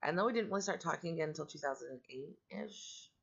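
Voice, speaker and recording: A middle-aged woman vlogging casually in a candid, rambling, matter-of-fact way, her voice growly and roughened by allergies. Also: deep voice, quick pace, highs cut off. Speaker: vlogger and foster parent. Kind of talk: casual personal vlog talk.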